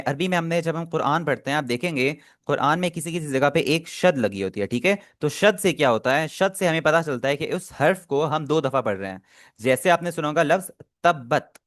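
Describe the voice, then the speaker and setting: A man's voice: fairly high pitch, a bit bright, no room sound, clean studio sound. A man teaching an online class, explaining step by step and often checking that students follow. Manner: explains patiently, often asks "theek hai?" to check.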